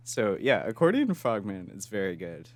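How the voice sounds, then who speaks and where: Male co-host, lower voice, giggly and rambling, casual podcast chat. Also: no echo. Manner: giggly, rambling, laughs often.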